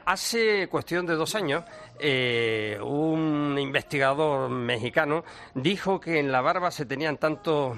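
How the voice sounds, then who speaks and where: A man's voice: fairly high pitch, fairly bright tone. A man, an enthusiastic medical expert explaining science on a talk show. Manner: enthusiastic explainer, laughs often.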